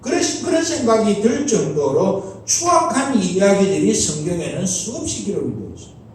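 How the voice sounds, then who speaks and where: Middle-aged male pastor, high animated preaching voice, earnest rhetorical questions, distant mic in a booming sanctuary. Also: moderate pace, a little hiss or hum. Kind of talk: Sunday sermon. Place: church sanctuary. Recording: very echoey church hall, mic at a distance.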